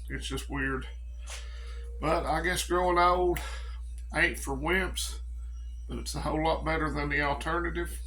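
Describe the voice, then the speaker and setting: A man's voice: mid-range voice, fairly bright tone, a little hiss or hum. A middle-aged man with an East Tennessee accent, talking to camera in a folksy, rambling, blunt way as a preparedness vlogger. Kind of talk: casual chat to camera.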